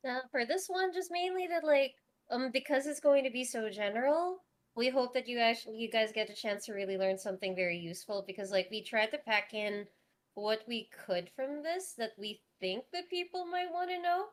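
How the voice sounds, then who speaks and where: A woman's voice: on the high side, moderate pace. A woman co-hosting a casual livestream, explaining things in an informal, tentative way with repeated words. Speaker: writer-director co-hosting a stream.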